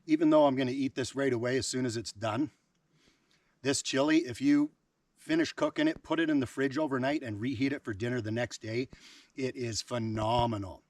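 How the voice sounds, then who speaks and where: A man's voice: medium pitch, fairly even intonation, fairly quick, no echo. A man cooking over a campfire outdoors by a lake, talking enthusiastically through a casual cooking vlog. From Canada. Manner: enthusiastic, talks with mouth full while tasting.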